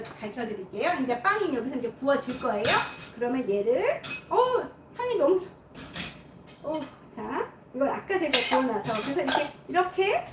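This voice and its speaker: Chatty female home-cooking host, high lively voice, echoey kitchen, mic set back. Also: noisy background. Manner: chatty, keeps checking viewers can see. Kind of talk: cooking demonstration. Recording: echoey room, distant mic.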